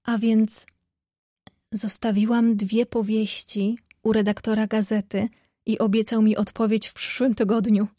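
A woman voicing an outspoken, quick-tempered young woman in a read-aloud story. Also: medium pitch, no echo, studio quality, natural voice. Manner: lively, outspoken.

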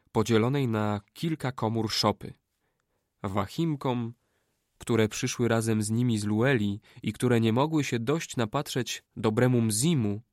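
A man narrating a classic adventure novel as an audiobook, in a steady, measured way. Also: medium pitch, no room sound, clean studio sound. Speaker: audiobook reader. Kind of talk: scripted narration.

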